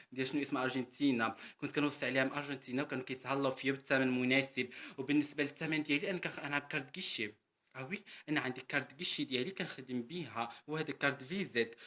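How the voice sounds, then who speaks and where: A man doing a boastful, fast-talking Moroccan housemaid. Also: medium pitch, pushed and bright, natural voice. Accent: Moroccan Arabic. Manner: boastful, chatty, keeps addressing the listener as sister. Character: boastful chatty Moroccan housemaid woman, self-important. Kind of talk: comedy character monologue.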